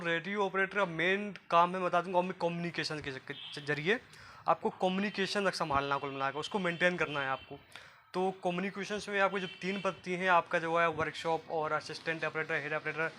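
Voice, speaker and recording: Another clip has this job guidance presenter, a man with a slightly high, sharp voice, explaining things informally and repetitively to viewers he often addresses as friends. Slight background noise can be heard.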